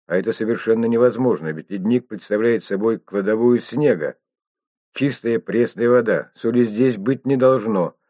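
A man reading an audiobook voicing a stubborn, sharp-tongued woman glaciologist who hisses her scorn. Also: on the low side, moderate pace, dry recording, studio quality, voice pushed up, close to an everyday voice. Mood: puzzled. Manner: hissing, scornful, insistent.

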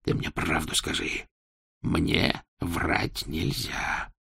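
A man voicing an old secret-police chief who interrogates in a low, insinuating whisper. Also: wildly swooping pitch, a little slow, gravelly, a bit bright, breathy edge, no room sound, clean studio sound, full character voice. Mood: menacing.

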